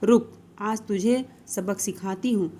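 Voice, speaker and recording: A woman's voice: mid-range voice, takes it slowly, warm tone. A woman voicing a harsh, bossy middle-aged mother-in-law in a cartoon story who hurls insults. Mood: scolding.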